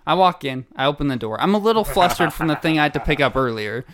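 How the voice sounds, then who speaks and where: Young man telling an animated story. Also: on the high side, quick pace, crowd noise. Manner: animated, laughing storyteller acting out quotes. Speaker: podcast co-host. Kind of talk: casual storytelling chat.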